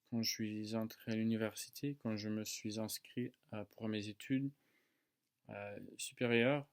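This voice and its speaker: Slow-talking young American man, hesitant French. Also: lowish voice. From United States. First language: English. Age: early 20s. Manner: hesitant non-native French, searching for words, self-correcting. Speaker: student video maker. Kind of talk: casual talk to camera.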